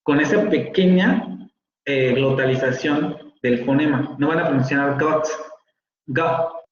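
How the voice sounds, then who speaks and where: A man with a fairly high voice lectures on pronunciation over a video call, explaining patiently and sounding out words as he goes. The room sounds roomy and the audio a bit dull, with faint hiss behind. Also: takes it slowly. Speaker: university phonetics teacher. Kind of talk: online lecture.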